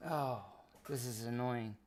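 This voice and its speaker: A man's voice: mid-range voice, steady tone, takes it slowly, a little hiss or hum. A man running a tabletop game as game master over voice chat, apologizing and fixing his audio.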